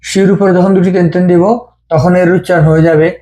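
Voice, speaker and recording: Guy teaching japanese letters, mellow voice, slow and patient, repeats every sound. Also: high voice, little pitch movement. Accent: Bengali. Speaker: language teacher. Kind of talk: step-by-step script lesson.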